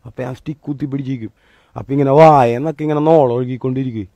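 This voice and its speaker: A man giving a motivational talk, telling a personal story in a colloquial, animated way that swings between loud and hushed. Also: medium pitch, racing, no echo. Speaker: motivational speaker.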